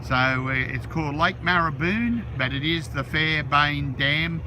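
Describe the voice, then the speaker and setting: A man's voice: on the high side, unhurried. An Australian man giving casual, colloquial travel commentary outdoors, talking over a passing truck. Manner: blunt, colloquial, matey. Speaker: travel vlogger. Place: outdoors near a road. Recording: loud truck and vehicle noise.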